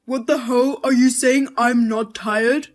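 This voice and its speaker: A woman's voice: fairly high pitch, fairly even intonation, takes it slowly. A woman voicing an idle, touchy husband who answers in a defensive, snapping way. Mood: irritated.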